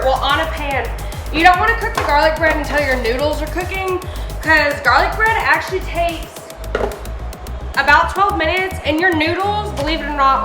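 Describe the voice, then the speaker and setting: A woman hosting a home cooking video in a casual, chatty way, informal and rambling, recorded indoors in a kitchen. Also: high-pitched. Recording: echoey room with background music.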